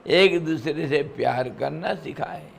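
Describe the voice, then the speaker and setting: A man giving a slow devotional scripture discourse as a swami, pausing often, chuckling between points and mixing chanted verses into his talk. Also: a little high, gravelly, a little hiss or hum.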